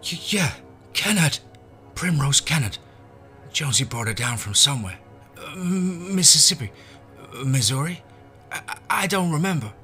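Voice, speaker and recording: A man's voice: on the high side, expressive, moderate pace, long pauses, pushed and bright, soft background music, pitched above the performer's own voice. A man voicing a terrified teenage outlaw boy in a western horror story, stammering and pleading. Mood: panicked stammering.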